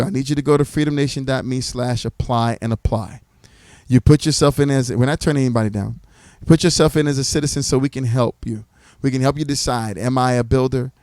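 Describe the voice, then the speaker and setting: A man speaking like a preacher to a livestream audience. He drives his points home by repeating them, with a middle-pitched voice. The sound is close and dry, with no room echo. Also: a little mellow. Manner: preacherly, repeats phrases for emphasis. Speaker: community organizer presenting his platform.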